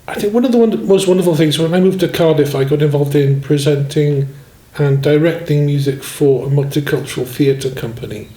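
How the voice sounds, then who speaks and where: A man's voice: on the high side, brisk, few pauses, dark tone. Chatty man in a roomy space. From Swansea, Wales. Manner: rambling, sprinkled with "you know". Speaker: musician. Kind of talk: relaxed autobiographical chat. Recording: echoey room.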